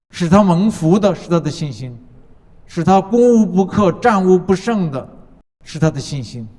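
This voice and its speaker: A man preaching as a pastor builds his points through rhythmic repetition, dropping from loud declarations to soft, low asides. The recording carries the long reverb of a large hall.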